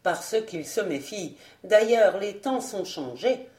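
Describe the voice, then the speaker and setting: Scheming hot-tempered nobleman read by a woman, blustering, audiobook, slow, roomy sound. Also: medium pitch, expressive, darkish tone. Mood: smooth. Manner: blustering, then falsely smooth.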